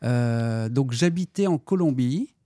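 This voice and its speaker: A middle-aged man, a history-geography teacher, answering students' questions in a casual interview, hesitant with many fillers and animated when telling stories. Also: medium pitch, slow, no echo, studio quality.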